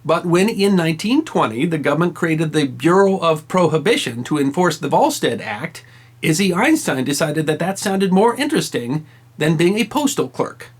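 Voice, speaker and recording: A history channel host reads a scripted story in a slightly high, somewhat rough voice at normal speed. His pitch swings widely as he stresses key words, and he drops in dry, wry asides with emphasis.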